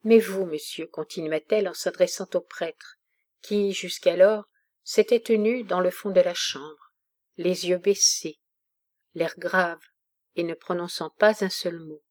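A woman reading a classic novel aloud in a slow, solemn way. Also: on the low side, fairly even intonation, a little mellow. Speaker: audiobook reader. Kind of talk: literary audiobook narration.

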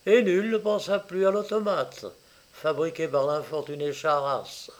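Man reading a story aloud, slow unhurried pace, fairly high voice, deliberate delivery, small hesitations.

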